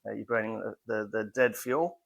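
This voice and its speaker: A man's voice: fairly low pitch, steady tone, normal speed, gravelly, lo-fi sound. A man in his forties with an Australian accent, a modest interview guest who explains things plainly with some hesitant restarts. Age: 40s. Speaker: guest, fire safety specialist. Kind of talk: casual interview chat.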